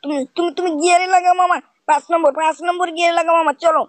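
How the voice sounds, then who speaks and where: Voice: very high voice, level tone, rapid-fire, dry recording, voice pushed up. A gamer voicing a whiny little cartoon boy nephew who pleads with his uncle in every sentence. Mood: eager. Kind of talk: cartoon voice over gameplay.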